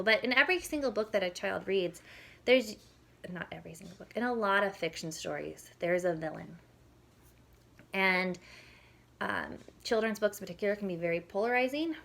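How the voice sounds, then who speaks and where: With a medium-pitched voice that is bright and forceful and shows vocal fry, a parenting educator explains her points conversationally during an informal lesson featuring demonstrated questions.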